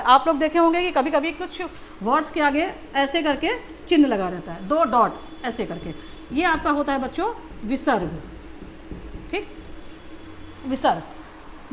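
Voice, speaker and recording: A woman's voice: high voice, fairly bright tone, a little hiss or hum. A woman teacher giving a Hindi lesson to young children, patiently asking and repeating questions. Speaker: school teacher.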